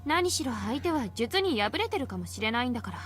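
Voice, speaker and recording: A woman's voice: a little high, very animated, fairly quick, a bit bright. An actress voicing a skeptical young woman in a game who asks direct questions. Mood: questioning.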